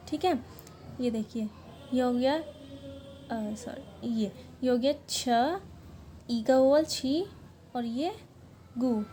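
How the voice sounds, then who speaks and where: A woman's voice: high-pitched, dark tone, slight background noise. A woman teaching pronunciation rules in a patient lesson, often checking in with "okay". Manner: patient, repeats "ठीक है" often. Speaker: language teacher.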